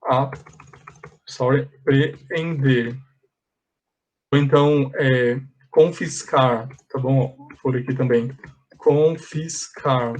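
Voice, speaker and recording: A man's voice: mid-range voice, level tone, slow, long pauses, a little mellow. A man teaching an English class online, patiently correcting exercises step by step and slipping in English phrases.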